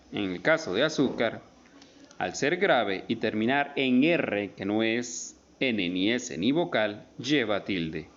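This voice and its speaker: In a recorded lesson, a male teacher explains spelling rules, slowly stretching out and stressing every example word with emphasis. His voice is mid-range, the audio is dull, and there is slight background noise.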